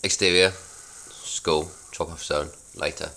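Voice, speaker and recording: A man's voice: extremely low pitch, fairly even intonation, takes it slowly, gravelly, pushed and bright, a little hiss or hum. A man reading his own sitcom script aloud in an offhand, self-mocking way, with casual asides.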